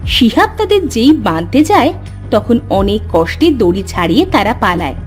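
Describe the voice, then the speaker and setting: A woman narrating a cartoon storybook in an even, scripted way. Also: a little high, normal speed, soft background music.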